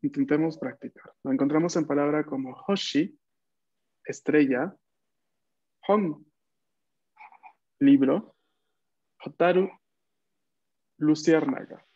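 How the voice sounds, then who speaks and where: A man's voice: on the high side, slow, long pauses, a little mellow, no echo, lo-fi sound. A man teaching a Japanese class online, patiently counting out strokes as he writes.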